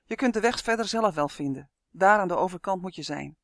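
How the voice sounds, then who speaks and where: A man voicing a brusque, loud male dwarf traffic controller in an audiobook. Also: high-pitched, animated, a little fast, dry recording, clean studio sound. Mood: hurried. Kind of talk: audiobook character voice.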